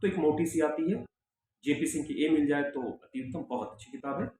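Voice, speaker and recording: A middle-aged sociology professor gives students direct advice in a lecture, repeating points with emphatic reminders. His voice is fairly high, mellow and brisk. The room is very echoey, with faint background noise.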